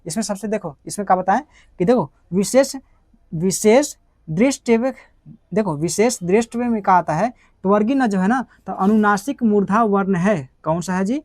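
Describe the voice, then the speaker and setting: A man's voice: high-pitched, fairly quick, dry recording. A man with a Bihari Hindi accent, teaching a grammar lesson, repeating terms and checking understanding with rhetorical questions.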